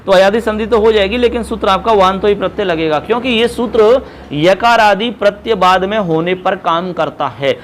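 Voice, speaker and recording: A man's voice: high voice, normal speed, few pauses, a little hiss or hum. A man teaching Sanskrit grammar for an exam, explaining step by step and repeating key terms as he addresses his students as children. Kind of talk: exam-prep lesson.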